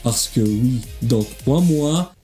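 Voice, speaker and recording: A man's voice: mid-range voice, expressive, slow, dark tone, soft background music. A man coaching viewers through obstacle race training in a motivational voice-over, direct and upbeat. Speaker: fitness coach.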